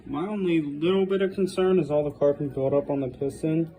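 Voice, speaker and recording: A man's voice: a little high, steady tone, fairly quick, dull audio, faint music behind. A man talking plainly and matter-of-factly as a home mechanic, in a casual how-to vlog style. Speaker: home mechanic presenting a dirt bike engine rebuild.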